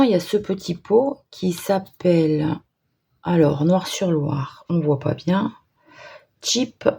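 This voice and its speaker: A woman's voice: lowish voice, gravelly, warm tone, breathy edge. A woman with a northern French accent demonstrating a craft project in a chatty, hesitant way, with many fillers. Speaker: crafting tutorial host.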